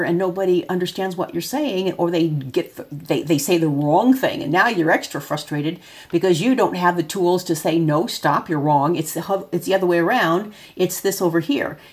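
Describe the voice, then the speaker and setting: A middle-aged woman, a parent, explaining things step by step in casual, thoughtful talk, often restarting her sentences. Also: on the low side. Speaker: parent of a child with developmental delay.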